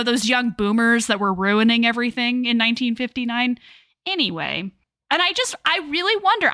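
Bright-voiced woman podcast co-host. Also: a little high, dry recording. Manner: animated, laughs often, explains at length. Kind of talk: casual film discussion.

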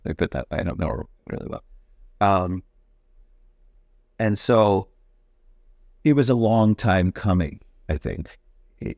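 A man co-hosting a podcast in casual conversation, talking haltingly with many restarts and stammers. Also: deep voice, darkish tone, no room sound. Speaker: podcast co-host.

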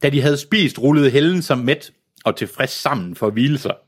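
A man's voice: mid-range voice, expressive, breathy edge. A man reading a novel aloud in a casual way, stumbling now and then and breaking off with self-mocking asides. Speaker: reader.

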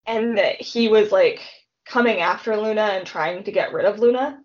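Woman co-host, mid pitch, conversational true-crime storyteller, muffled lo-fi sound. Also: moderate pace. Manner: chatty retelling, frequent "like" and "um". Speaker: podcast co-host. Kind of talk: casual true-crime chat.

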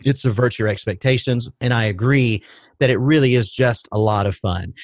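A man hosting a movie review podcast, talking in a relaxed, measured way with light jokes. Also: medium pitch, no room sound. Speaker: podcast host. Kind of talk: casual movie review chat.

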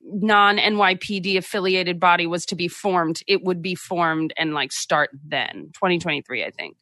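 Woman host, bright sharp tone, dry close sound, brisk and pointed. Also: on the low side, no echo. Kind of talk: casual political discussion.

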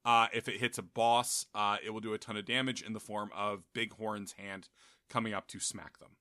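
A man's voice: fairly low pitch, flat delivery, moderate pace, pushed and bright, no echo, clean studio sound. A man co-hosting a podcast in casual chat, wry and rambling, with many fillers. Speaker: podcast co-host.

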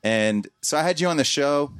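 A man's voice: fairly high pitch, animated, moderate pace, a bit bright, clear, resonant tone, no echo. Rambling, heartfelt man, dry sound. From Columbus, Ohio area. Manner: rambling, restarts often, swears casually. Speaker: podcaster speaking as a guest. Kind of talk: heartfelt casual talk to a community gathering.

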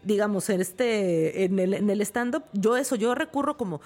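A woman with a Mexican accent, a guest in a casual interview, telling stories lively and acting out the voices she quotes. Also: medium pitch, moderate pace. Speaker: guest, actress and stand-up comedian.

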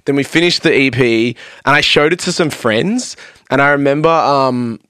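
A man's voice: mid-range voice, moderate pace, smooth, no room sound. Aussie guy rambling thru band stories, loads of swearing, dry sounding. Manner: animated storytelling, swearing freely, acting out quotes. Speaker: podcast guest, vocalist. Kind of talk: casual chat.

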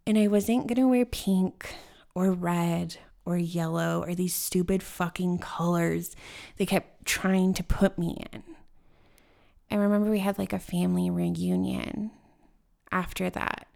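A woman's voice: on the low side, fairly even intonation, a little slow, creaky, warm tone. A young woman hosting a podcast, telling a personal spiritual story in an earnest, confessional monologue. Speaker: podcast host.

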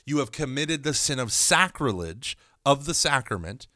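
A man teaching about confession in a lively, emphatic conversational way, with jokey storytelling. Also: mid-range voice, moderate pace, no echo.

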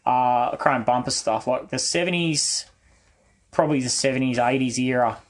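A man's voice: mid-range voice, normal speed. An Australian man, a car enthusiast, talking casually as a guest in an easygoing, rambling, colloquial way. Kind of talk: casual chat about cars.

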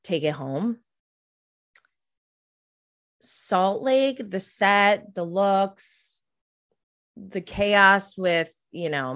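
On her own podcast, a roughly forty-year-old woman casually recaps reality TV, rambling and frequently trailing off mid-thought. Her voice sits on the low side with a fairly bright tone.

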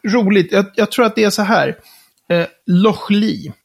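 A man's voice: sits high, creaky. A man co-hosting a podcast in casual chat, talking in a rambling, chatty way with many fillers. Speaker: podcast co-host.

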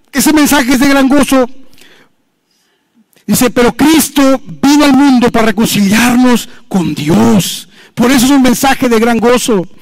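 A man preaching an impassioned sermon in Spanish, often dropping low and soft when he addresses the listener as "hermano". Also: dry recording. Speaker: pastor.

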